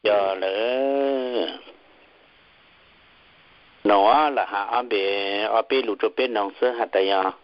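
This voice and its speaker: A man talking in quick, casual chat with plenty of fillers. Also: fairly low pitch, no echo. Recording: dull lo-fi recording.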